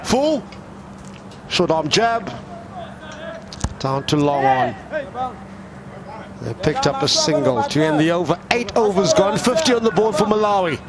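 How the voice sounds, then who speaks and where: A man giving live cricket commentary in measured, clipped short phrases. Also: high voice, big pitch swings, a loud crowd.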